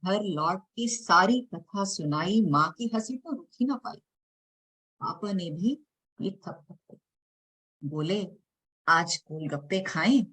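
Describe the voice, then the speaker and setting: A woman poet reciting her own spoken word poetry for an online event, mixing casual talk with dramatic delivery that swings between hushed and loud lines. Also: fairly low pitch, animated, takes it slowly, pauses often, breathy edge, rough recording. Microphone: video call.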